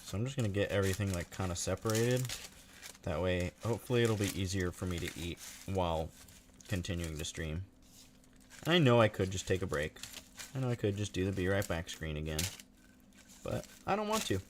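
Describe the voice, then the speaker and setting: A man with a low, easygoing voice and an American accent talks casually through a gaming livestream. He rambles in a relaxed way over a steady hiss of background noise. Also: fairly quick. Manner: chatty, laid-back, talks while eating. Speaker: streamer.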